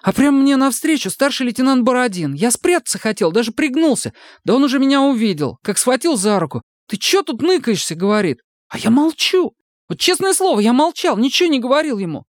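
A man's voice: extremely high pitch, big pitch swings, no echo, studio quality, voice pushed up. A man voicing a frightened young male army recruit who squeals and pleads breathlessly. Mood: frightened pleading. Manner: squealing, breathless, talking fast in panic.

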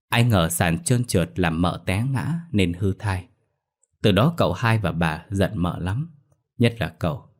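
A man narrating a ghost story in a steady, dramatic way. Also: low voice.

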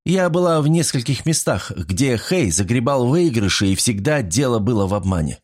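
A man voicing a sharp young woman detective who triumphantly accuses a card cheat. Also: mid-range voice, big pitch swings, normal speed. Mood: sharp accusing.

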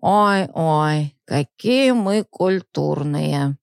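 A woman voicing a drunken, unkempt man who talks in a slurred, gruff, scornful way. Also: fairly low pitch, very slow, dry recording, studio quality.

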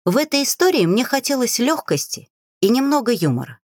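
A woman narrating an audiobook in a playful, expressive storytelling manner, recorded on a close studio mic. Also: on the high side, fairly quick, no room sound.

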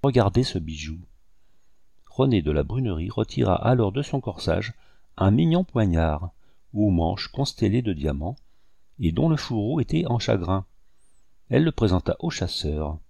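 A man narrating an audiobook in a measured, steady reading style. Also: lowish voice, creaky, dry recording. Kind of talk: scripted narration.

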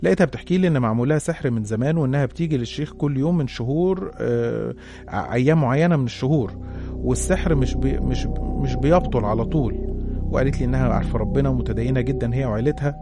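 A man's voice: medium pitch, racing, music in the background. A man with an Egyptian accent narrating a listener's horror story in the first person. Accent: Egyptian Arabic.

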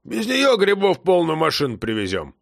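A man voicing a quarrelsome old grandfather with a gruff manner. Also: a little high, wildly swooping pitch, moderate pace, fairly bright tone, no echo, clean studio sound, pitched above the performer's own voice, full character voice. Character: grumpy old grandfather, former partisan.

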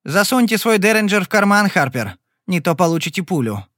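A man voicing a charming young gambler in an audiobook, smooth and mocking. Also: sits high, big pitch swings, brisk, fairly bright tone, no echo, studio quality, voice pushed up. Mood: cool. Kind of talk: audiobook character voice.

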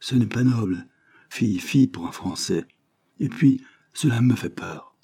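A man reading aloud and voicing a mysterious young foreign woman, imperious yet naive, who speaks haltingly in broken phrases. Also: mid-range voice, creaky, warm tone, breathy edge, voice pushed up. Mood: pleading. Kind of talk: audiobook character reading.

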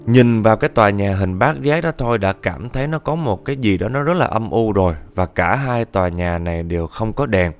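A man's voice: lowish voice, animated, brisk, few pauses, faint music behind. A man telling a ghost story in a casual, chatty way, often speaking straight to his listeners. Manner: chatty, addresses listeners directly.

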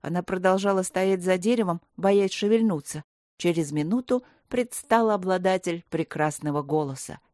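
Woman reading a fantasy audiobook, lowish voice, super dry close mic. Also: normal speed, darkish tone, no echo. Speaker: audiobook narrator. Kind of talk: scripted fantasy story narration.

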